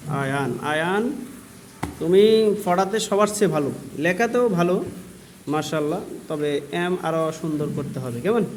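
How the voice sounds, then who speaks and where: A young male primary school teacher in a classroom, calling pupils forward one by one and questioning them about their handwriting and homework, firm but gentle in manner. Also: a little high, animated, measured pace, a little hiss or hum.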